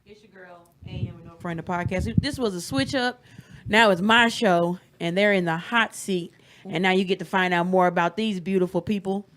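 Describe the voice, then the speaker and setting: A woman's voice: on the low side, normal speed, a bit bright, a little hiss or hum. A woman from Mississippi hosting a podcast interview in a chatty, easy manner, laughing often and repeating words as she goes. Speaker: podcast host. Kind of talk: casual interview chat.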